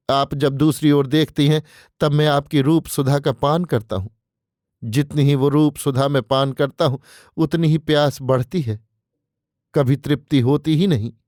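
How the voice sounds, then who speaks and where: A man's voice: fairly high pitch, a little mellow, no room sound, studio quality, close to an everyday voice. A male narrator voicing a scheming young man who confesses devotion in flowery, pleading words, read as an audiobook character.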